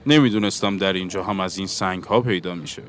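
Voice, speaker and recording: A man's voice: deep voice, slight background noise, close to an everyday voice. A man reading the part of a bookish Englishman, earnest and lecturing, in an audiobook. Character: bookish Englishman seeking a universal language.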